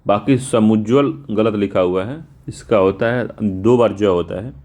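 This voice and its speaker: A male teacher going through exam answers, spelling words out slowly and repeating them, casual in tone. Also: on the low side, darkish tone. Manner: informal, repeats "theek hai" often.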